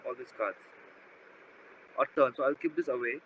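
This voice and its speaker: A man's voice: mid-range voice, moderate pace, fairly bright tone. A man talking casually through a card trick like a magician, repeating himself and often checking with his listener. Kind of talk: casual patter while doing a trick. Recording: noisy background hum.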